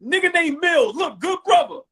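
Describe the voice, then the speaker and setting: A man in his forties hosting a livestream, teasing and trash-talking loudly in casual chat, repeating himself. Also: extremely high pitch, lively intonation, normal speed. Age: 40s. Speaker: livestream podcast host. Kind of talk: casual sports trash talk.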